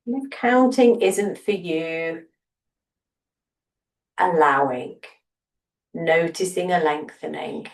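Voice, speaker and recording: A woman softly guiding a breathing meditation, slow and soothing with long pauses. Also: sits low, vocal fry, roomy sound, far from the mic. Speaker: breathwork teacher.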